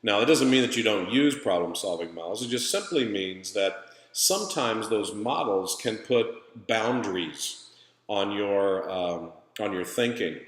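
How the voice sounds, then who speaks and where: A man giving an informal recorded lesson recap as an instructor, conversational and halting, with a hallway echo from an empty room. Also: lowish voice, animated. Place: empty room in a new place, indoors. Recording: echoey empty room, long reverb.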